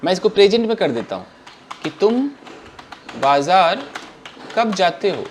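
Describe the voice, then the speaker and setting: A man teaching English grammar to a class, asking questions and answering them himself in an animated way. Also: sits high, a little fast, a little hiss or hum.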